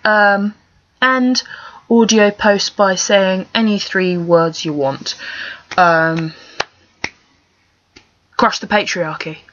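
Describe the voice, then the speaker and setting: This posh-accented young vlogger from Surrey, England, draws out her words and pauses often, her mid-range voice steady and fairly bright. In a small bedroom she rambles through accent challenge questions at her webcam, wry and sweary, with the laptop mic at desk distance giving dull lo-fi sound.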